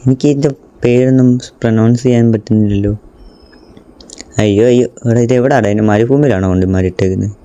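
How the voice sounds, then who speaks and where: Excitable man doing gameplay commentary. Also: fairly low pitch, fast talker, clean tone. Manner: excitable, frequent exclamations; addresses viewers directly. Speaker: gaming YouTuber.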